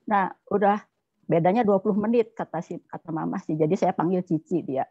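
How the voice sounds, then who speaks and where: A woman's voice: lowish voice, brisk, slightly rough, no room sound, lo-fi sound. A woman in an online class sharing a personal testimony, telling it in an emotional, rambling way over a video call.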